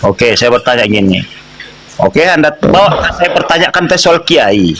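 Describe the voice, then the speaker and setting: A man's voice: on the high side, very animated, unhurried, a bit bright. A man in a debate who keeps insistently repeating his question. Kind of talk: interfaith debate.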